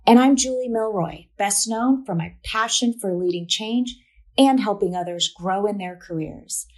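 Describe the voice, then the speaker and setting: A woman host reads out the opening of a podcast. Her delivery is scripted and polished. Her pitch is middle-range for a woman. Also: normal speed, a little mellow. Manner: polished read-out intro. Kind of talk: scripted show intro.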